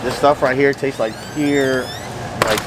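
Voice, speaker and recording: Young dude shopping vlog, slangy jokey chat, busy store noise all around. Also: male voice, medium pitch, steady tone, measured pace. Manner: loose, slangy, joking. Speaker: fitness vlogger. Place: big warehouse store, indoors. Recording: noisy store ambience.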